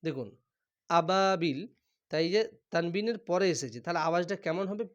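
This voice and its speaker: A man teaching Quran reading, patiently spelling out each syllable and repeating words slowly, often clearing his throat. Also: fairly high pitch, animated, dull audio. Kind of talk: recitation class, spelling out letters.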